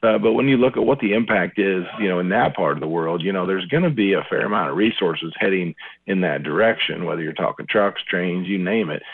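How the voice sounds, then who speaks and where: Low husky man on a tinny phone line. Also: a little fast. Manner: conversational, many fillers and restarts. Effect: speaking over the phone. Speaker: agricultural market analyst. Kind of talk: radio interview answers.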